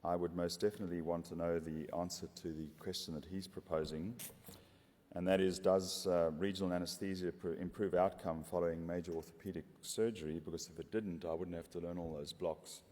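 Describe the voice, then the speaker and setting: A man's voice: low voice, little pitch movement, a little fast, a little mellow. A man chairing a conference session, moderating informally in a polite, somewhat hesitant way. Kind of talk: informal moderating and introducing speakers. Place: conference hall without audience microphone. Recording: echoey hall, faint background noise.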